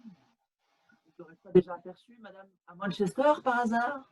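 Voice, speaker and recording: A man playing a stiffly polite English gentleman in an absurdist stage scene, speaking in a halting, ceremonious way over a video call. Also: high voice, expressive, poor audio. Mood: formal. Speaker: amateur actor.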